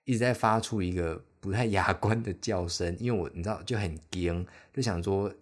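A young man from Taiwan speaks in a low, deep register with a Taiwanese Mandarin accent. He hosts his own podcast alone, wandering through a travel story and often losing his train of thought. He pokes fun at himself in a loose, chatty way. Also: brisk. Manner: rambling, self-deprecating, chatty. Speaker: podcast host. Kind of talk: casual solo podcast storytelling.

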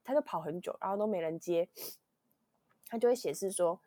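A woman's voice: lowish voice, fairly quick, dark tone, dry recording, clean studio sound. A young woman with a Taiwanese Mandarin accent, a podcast host, tells a rambling story in a weak voice from illness, full of restarts. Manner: rambling, with many restarts, acting out quotes. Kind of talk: casual chat storytelling.

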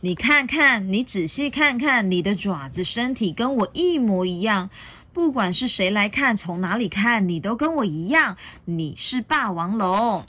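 A woman's voice: medium pitch, animated, unhurried, sharp tone. A woman voicing a big greedy male tyrannosaurus, sly and menacing, with a chuckling manner. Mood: insistent.

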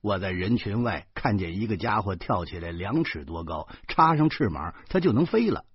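Man, audiobook narrator, lively animated delivery, husky voice, dull lo-fi sound. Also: fairly low pitch, moderate pace, no room sound. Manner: lively storytelling, colloquial.

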